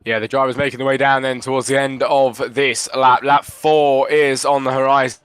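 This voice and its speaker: A man's voice: medium pitch, little pitch movement, normal speed, fairly bright tone, clean tone, dry recording. A man giving live motor racing commentary on an online race.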